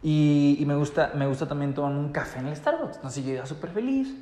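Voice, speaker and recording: Mexican guy telling a story to viewers, kinda high voice, lots of fillers, echoey room with long reverb. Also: brisk. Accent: Mexican Spanish. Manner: animated, many fillers and restarts, addresses viewers. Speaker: vlogger.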